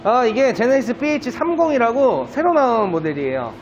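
A man speaking as a used car dealer, giving a polite, persuasive sales pitch in a walkaround of a car. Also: sing-song, fairly quick. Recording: dull lo-fi sound, faint background noise.

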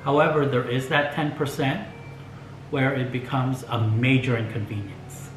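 An older man with a mid-range, steady voice chats casually with the camera from his dining room table at home, planning an RV road trip. He's an RV travel vlogger who talks slowly and opinionatedly, chuckling as he goes. A fixed camera sits across the table, and the audio is poor, reverberant, with a bit of hiss or hum.

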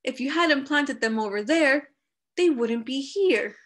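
Gentle, curious storybook squirrel, voiced by a woman, slow and slightly high. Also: expressive. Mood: comforting. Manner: inquisitive and comforting. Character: curious, kind young red squirrel.

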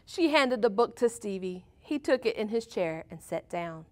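A woman reading a picture book aloud to children as a storyteller, animated and full of playful sound effects. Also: medium pitch, normal speed.

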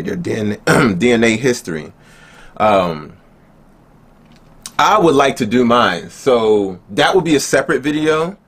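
A young man from Nigeria hosting a reaction video, chatting casually and upbeat, talking straight to his viewers as family, in a small indoor room. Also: mid-range voice. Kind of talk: casual chat.

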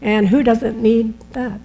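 A somewhat high-voiced woman leads a chapel service, welcoming the congregation and running through the announcements. She talks in a friendly, chatty way, breaking into light laughs and easing along with fillers. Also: fairly even intonation, slow, a little mellow, poor audio. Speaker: lay leader giving announcements. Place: chapel sanctuary.

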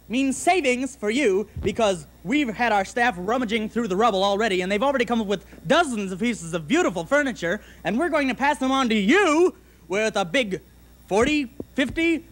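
High-voiced young man hard-selling furniture. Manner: hard-selling, bursts into shouts, stumbles and flusters. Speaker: TV pitchman in a sketch. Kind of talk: parody local TV furniture commercial. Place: TV studio set. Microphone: handheld mic. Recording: 1960s TV broadcast.

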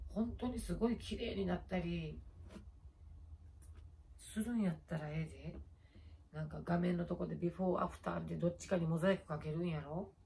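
A middle-aged woman with a Kansai accent talks in a slightly low voice. She rambles through late-night stories and laughs at herself while fiddling with a face pack. A faint hiss sits under her voice. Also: creaky, a little mellow. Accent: Kansai Japanese. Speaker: YouTuber. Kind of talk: casual late-night chat.

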